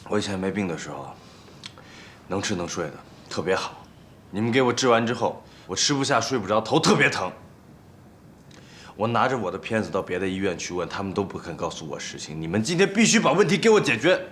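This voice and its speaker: An actor playing an agitated, belligerent patient who shouts threats and demands to be hospitalized. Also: male voice, lowish voice, sing-song, fairly quick, a little hiss or hum. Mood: aggrieved. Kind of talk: TV drama acting.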